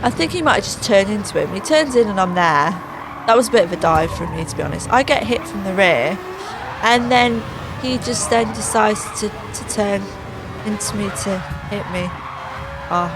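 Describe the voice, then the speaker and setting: The recording is rough as a female gaming channel host, voice fading, delivers exasperated, sarcastic commentary on a racing game. Her mid-range voice sits over clear background music.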